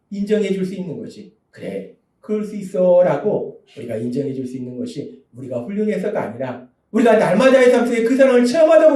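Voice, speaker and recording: High-voiced emphatic male pastor preaching. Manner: emphatic preaching, swinging from loud outbursts to soft hushed speech. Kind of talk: sermon. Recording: echoey church hall, distant mic.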